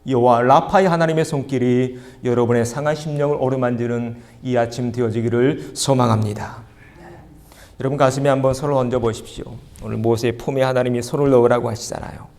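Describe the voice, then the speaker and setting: A male pastor preaching a sermon, reading scripture aloud slowly and leading the congregation in call and response. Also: mid-range voice, fairly even intonation, a little mellow.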